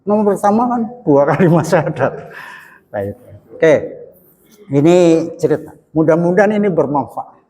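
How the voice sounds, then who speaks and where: An older man preaches to a morning study group with a Banyumas Javanese accent. His voice sits high for a man. It rings with long reverb through a mosque hall as he jokes and acts out little dialogues. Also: animated, normal speed, pauses often, dark tone, slight background noise. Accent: Indonesian, Javanese Banyumas. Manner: folksy, joking, acts out quoted dialogue. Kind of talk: religious study talk.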